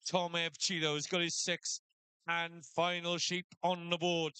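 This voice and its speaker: Bright, very clear male event announcer. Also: on the high side, flat delivery, unhurried, no echo. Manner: rallying announcer, repeats competitors' names and stand numbers. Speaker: live announcer at a sheep shearing competition. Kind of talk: live event commentary and announcing.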